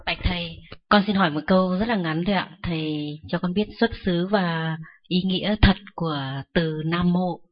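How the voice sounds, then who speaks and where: A woman's voice: fairly low pitch, normal speed, highs cut off, a little hiss or hum. A woman in the audience politely asking the teacher a short question. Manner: polite, deferential.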